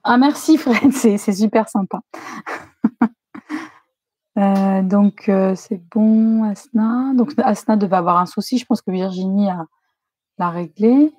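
A woman's voice: mid-range voice, takes it slowly, long pauses, mellow, no echo. A woman hosting a live stream, chatting casually and greeting viewers as she reads the chat.

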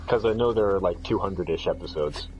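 A man's voice: low voice, fast, a little mellow, lo-fi sound, faint music behind. A man chatting casually while gaming with friends, laid-back and a little hesitant. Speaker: co-player on a gaming stream.

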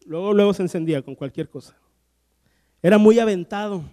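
A man preaching a sermon, telling Bible stories and acting out the characters' lines in a lively storytelling way. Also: high voice, fairly quick. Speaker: pastor. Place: church hall. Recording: long church hall reverb.

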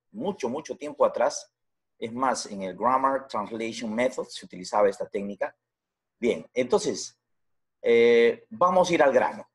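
A man's voice: mid-range voice, slightly rough. A man who teaches languages, explaining a lesson step by step with frequent tag questions and repeated words. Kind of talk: recorded class lesson.

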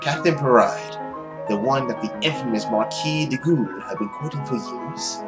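A young adult man, a gaming video host, reads a visual novel aloud with theatrical, expressive storytelling. His voice is mid-range at a moderate pace, recorded indoors in a small room at home, with loud game music playing under his voice.

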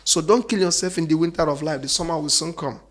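A man preaching emphatically, repeating phrases and swinging between loud declarations and quiet asides. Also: a little high, fast talker. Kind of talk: preaching monologue.

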